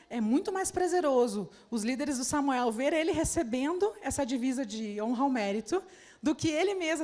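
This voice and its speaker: A woman's voice: sits high, darkish tone. A woman preaching to church leaders at a conference, speaking straight to her listeners with many rhetorical questions. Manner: addresses the audience directly with rhetorical questions. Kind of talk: sermon.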